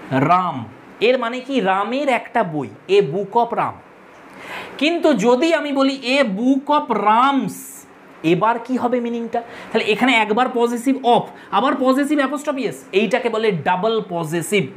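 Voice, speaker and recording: A woman teaches a grammar lesson in a patient, step-by-step way, going over each rule again for her students. Her voice sits at an ordinary middle pitch. A faint hiss of background noise runs under the recording. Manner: patient, repeats rules step by step.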